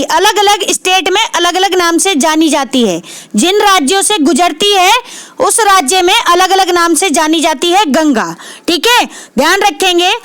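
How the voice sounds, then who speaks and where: A Hindi literature exam tutor leads an exam prep lesson on Hindi vocabulary, repeating every word and posing questions she then answers herself. Her voice is very high-pitched and fairly bright, recorded dry.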